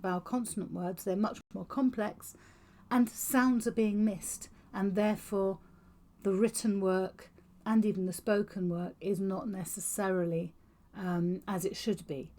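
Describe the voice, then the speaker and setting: A woman talks to camera in a quick, informal teaching style. She speaks with big, clearly shaped mouth movements and a steady, mid-pitched voice. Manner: fast-talking, gestures a lot, exaggerated mouth movements. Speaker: educator on auditory processing. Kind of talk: informal explanatory talk to camera. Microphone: talking to camera on video.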